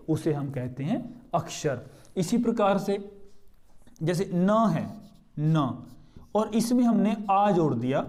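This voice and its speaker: A man teaching Hindi grammar who explains step by step, asks his own questions and answers them, and repeats key terms slowly. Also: sits high, warm tone. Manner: points to what he writes on a board. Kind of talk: explanatory lesson.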